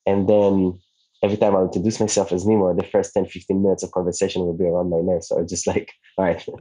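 A native Hebrew speaker from Israel in his late thirties, a digital nomad, chats casually as a podcast guest, relaxed and laughing lightly while restarting often. His voice is low, fast and husky, and the audio quality is poor.

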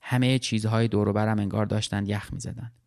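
A man reading a literary short story aloud as narrator, in a calm, measured, reflective way. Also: fairly low pitch.

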